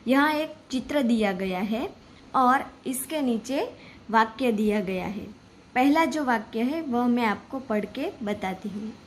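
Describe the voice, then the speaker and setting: A woman's voice: on the high side, lively intonation, slow, a little hiss or hum, poor audio. A woman teacher, patiently explaining a grammar lesson and reading example sentences aloud. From Gujarat.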